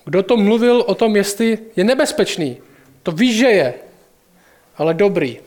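A man's voice: high voice, expressive, darkish tone. A man reading aloud as an earnest, proud talking male beaver from a storybook.

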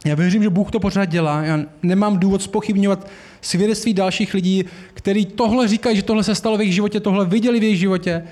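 A man's voice: sits high, fairly even intonation, a little mellow. A man preaching a sermon in an earnest, conversational way, asking the congregation rhetorical questions.

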